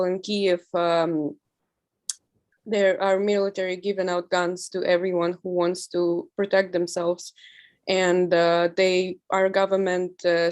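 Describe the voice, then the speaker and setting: A young woman in her twenties with a Ukrainian accent answers interview questions in English. Her voice sits low and stays flat in pitch. She speaks earnestly, pausing often with fillers and restarting sentences. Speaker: interview guest. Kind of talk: remote interview.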